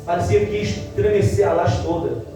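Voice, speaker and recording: A male pastor from Ceará, preaching a testimony sermon and acting out dialogue with dramatic slowdowns. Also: sits high, fairly even intonation, far from the mic, over music. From Ceará, Brazil. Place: church. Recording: echoey church hall, mic from afar.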